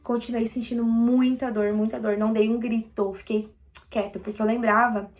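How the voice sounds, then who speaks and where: A young Brazilian woman casually telling a personal story, animated and acting out quoted lines. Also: fairly high pitch, moderate pace.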